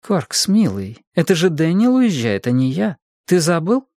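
A man's voice: on the high side, very animated, unhurried, a little mellow, dry recording, studio quality, pitched above the performer's own voice. A man voicing a breezy, affectionate young woman who answers in a light, teasing way.

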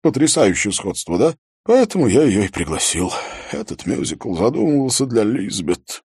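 A man's voice: lowish voice, very animated, moderate pace, a little mellow, husky, no room sound, clean studio sound, pitched above the performer's own voice, full character voice. A man voicing an anxious, emotional middle-aged theatre producer, nervous and fussy.

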